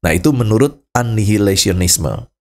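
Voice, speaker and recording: Animated man explaining theology. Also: fairly low pitch, moderate pace. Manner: animated storyteller, chuckles, acts out scenes.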